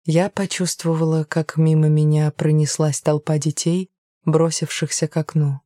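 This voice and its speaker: A woman narrating a novel in the first person, telling it calmly and evenly. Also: low-pitched, normal speed, no room sound, clean studio sound. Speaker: audiobook narrator.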